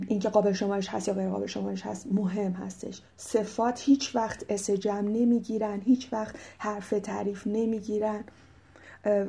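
A woman with a Persian accent teaching English vocabulary, explaining patiently and reading English example sentences slowly and clearly. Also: mid-range voice, mellow.

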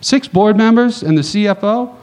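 A man on a conference panel telling a long anecdote in a casual, animated way, acting out the dialogue and tossing in quick asides. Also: high voice. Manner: animated, acts out dialogue, chatty asides with "right?".

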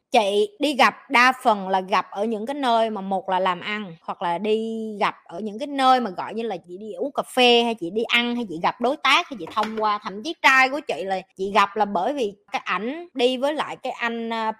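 Fast, high-voiced scolding Southern Vietnamese woman. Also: fairly bright tone. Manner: blunt, scolding, profane. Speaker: life coach and podcast host. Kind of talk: ranting advice monologue.

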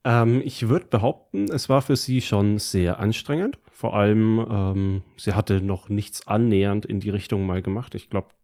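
Mellow, low-voiced man chatting casually. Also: steady tone, normal speed, few pauses. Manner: colloquial, slangy. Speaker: podcast co-host. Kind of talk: casual chat, telling about his week.

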